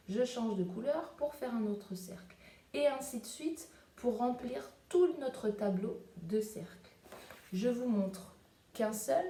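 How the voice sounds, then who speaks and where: A preschool teacher with a mid-range, dark-toned voice teaches young children an art lesson from home, explaining each step as she paints and cuts. The room is echoey, with faint background noise.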